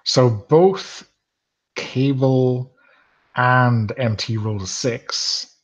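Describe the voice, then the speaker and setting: A man's voice: mid-range voice, extremely slow. A man running a tabletop game as game master, hesitant and easygoing, with lots of fillers.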